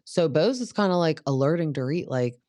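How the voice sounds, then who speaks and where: A woman's voice: low voice, animated, brisk, dark tone, no echo, clean studio sound. A woman hosting a podcast, giving a casual, opinionated recap of a reality show and filling her talk with "like". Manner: chatty and opinionated, full of "like" fillers. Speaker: podcast host.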